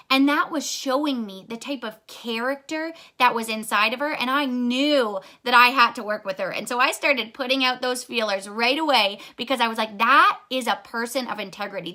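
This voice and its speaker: A woman's voice: on the high side, pushed and bright. A young woman giving an earnest, encouraging motivational talk on a live video, speaking straight to her viewers and a little out of breath. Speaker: online business coach.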